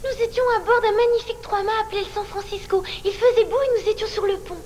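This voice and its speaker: A woman's voice: very high-pitched, fairly even intonation, fast, a little mellow, a little hiss or hum. A woman voicing a frightened young woman castaway in a French cartoon dub, telling her story earnestly. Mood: grieving.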